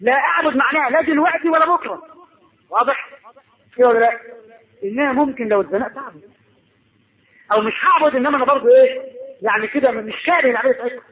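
A man's voice: very high-pitched, fast talker, long pauses, highs cut off. A man with an Egyptian Arabic accent gives a colloquial religious lesson on Arabic grammar, asking his audience questions and answering them himself. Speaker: preacher teaching Arabic grammar.

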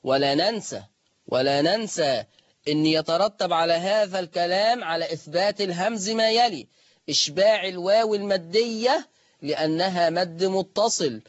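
A man with an Egyptian accent teaching Quran recitation rules step by step in colloquial speech, drawing out the example words slowly. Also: sits high, no echo, highs cut off. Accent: Egyptian Arabic. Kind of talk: lesson on the reading of Warsh.

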